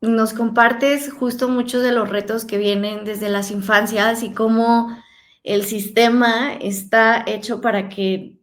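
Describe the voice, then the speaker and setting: A woman hosts a podcast interview, setting out long, carefully built questions. Her voice sits a little high. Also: fairly even intonation, takes it slowly. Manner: long multi-part questions, thoughtful. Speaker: podcast host.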